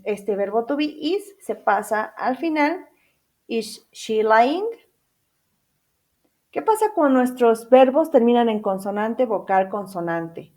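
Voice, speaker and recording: A woman's voice: on the high side, darkish tone. A woman teaching an English grammar lesson in two languages, spelling out letters, repeating each example and checking in with her class through questions.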